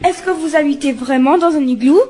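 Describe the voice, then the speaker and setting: A woman's voice: sits high, brisk, dark tone, natural voice. A woman playing a frozen field reporter. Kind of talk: amateur radio-skit acting.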